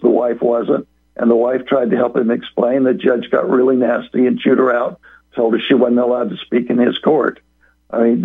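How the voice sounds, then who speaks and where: A man with a gravelly, husky voice calls into a radio talk show over a tinny phone line. He rambles through a long story and acts out what others said along the way. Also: medium pitch. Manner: rambling, acts out quoted speech. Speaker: guest telling a court story. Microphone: phone call.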